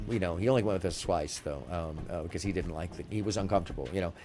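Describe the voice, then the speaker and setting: A middle-aged American man hosting a casual live stream, chatting in a halting, rambling way that often circles back. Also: deep voice. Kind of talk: casual chat. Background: faint music.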